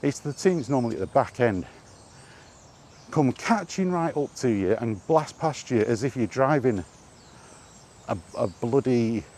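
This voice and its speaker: Animated yet a little slow, with frequent pauses, the mid-range, slightly mellow voice belongs to a British man. He vents off the cuff in an exasperated, sweary way, like a gaming vlogger walking and chatting, with repeated rhetorical questions, recorded outdoors with clear background noise.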